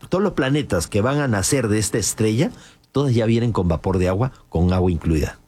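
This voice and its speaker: Husky-voiced man explaining at length. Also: fairly low pitch, lively intonation, a little fast, darkish tone. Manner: explanatory, storytelling. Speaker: author guest. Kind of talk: radio interview explanation.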